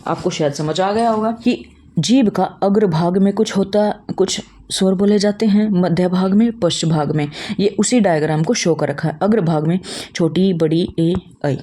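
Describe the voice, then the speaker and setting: A woman's voice: fairly low pitch, normal speed, mellow. A young woman teacher giving an online lesson, explaining step by step and posing questions she then answers herself. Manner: addresses students as children.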